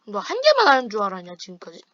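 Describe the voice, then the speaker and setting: A woman's voice: medium pitch, wildly swooping pitch, racing, fairly bright tone, dry recording, dull audio. A woman hosting a gaming channel, chatting with a friend over voice chat while playing online and trash-talking playfully. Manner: playful teasing trash talk.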